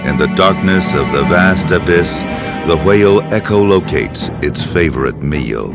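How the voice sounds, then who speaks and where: A man's voice: low-pitched, expressive, normal speed. A man giving scripted narration as the narrator of a documentary. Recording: loud music under the voice. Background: music.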